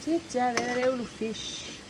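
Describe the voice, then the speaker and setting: High-voiced woman chatting in a noisy cooking vlog. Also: measured pace. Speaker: home cooking vlogger. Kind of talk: casual family cooking vlog chat, switching between English and another language. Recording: noisy home vlog recording.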